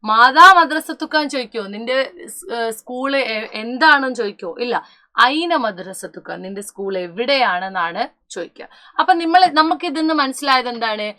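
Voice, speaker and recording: A woman's voice: fairly high pitch, lively intonation, moderate pace, pushed and bright. A young woman teaching an online class, who talks to her students as children, asks questions and answers them herself, and often stops to correct herself. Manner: mixes English words into her speech, corrects herself often.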